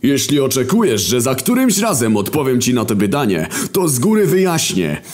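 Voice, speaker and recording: A man voicing War, a crude, loud, swearing male god of war. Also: mid-range voice, big pitch swings, normal speed, pitched above the performer's own voice, natural voice. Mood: exasperated.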